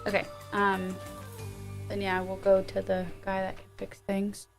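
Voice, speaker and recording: A woman's voice: mid-range voice, monotone, measured pace, creaky. A woman playing a tabletop role-playing game in casual chat, with music underneath.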